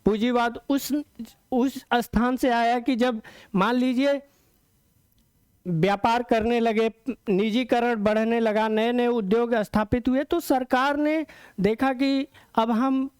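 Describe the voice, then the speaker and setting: A male teacher delivers an exam-prep lecture in a smooth, clear voice that is very high-pitched yet darkish in tone, steady and slow. He works through the material step by step, repeats key terms, and poses questions to himself before answering them. The sound is close and dry, with no room echo.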